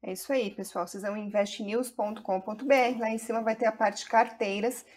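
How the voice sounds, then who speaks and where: A woman's voice: a little high, fairly even intonation, fairly quick, a little mellow. A woman hosting a live stream, friendly, pointing viewers to the site and passing on their questions. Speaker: host.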